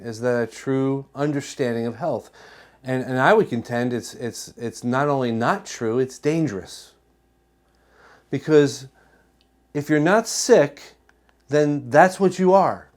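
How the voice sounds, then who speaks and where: An American chiropractor from New Jersey gives an educational health talk in a medium-pitched, slightly mellow voice. He speaks emphatically, poses rhetorical questions, and repeats his points.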